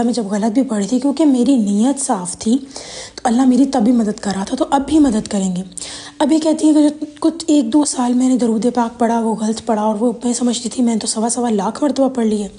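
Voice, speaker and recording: A woman's voice: fairly high pitch, mellow. A woman hosting a religious motivational video, casually retelling another woman's story. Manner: conversational, frequent "she says" retelling.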